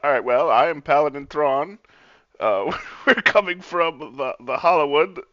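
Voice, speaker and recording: A man's voice: fairly high pitch, expressive, a little slow, a bit bright, dry recording. A man playing a tabletop game, chatting casually and speaking in character, on a slightly dull microphone. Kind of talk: casual game chat and role-play.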